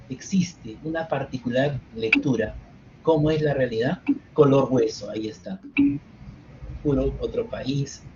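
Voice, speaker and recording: A man teaching a live online psychotherapy class, engaging his students by asking them question after question. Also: a little high. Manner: engaging, keeps quizzing students. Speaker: psychotherapy lecturer. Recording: dull lo-fi sound with faint background noise.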